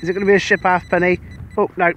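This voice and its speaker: A British man, a metal detectorist, giving casual commentary to the camera outdoors on a beach as he digs up each find and gets excited about it. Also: high voice, racing, slight background noise.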